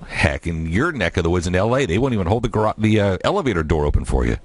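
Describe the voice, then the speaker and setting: Lively, joking male radio host. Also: low-pitched, slight background noise. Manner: jokey, animated, quick asides. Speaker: radio talk show host. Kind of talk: talk radio interview.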